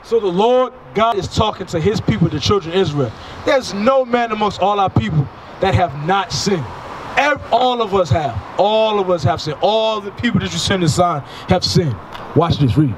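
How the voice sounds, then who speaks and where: An animated, high-voiced man in his thirties preaches at a moderate pace beside a road, holding a handheld mic. His delivery is emphatic and full of rhetorical questions, and passing cars create outdoor traffic noise.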